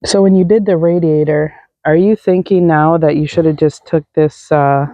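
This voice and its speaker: A woman talks through her repair project in a loose, joking vlog style. Her voice sounds dark and mellow. The sound is dry and close. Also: low voice, steady tone, moderate pace, no room sound, lo-fi sound. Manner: chatty, joking, laughs easily. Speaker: vlog host. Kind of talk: casual project vlog narration.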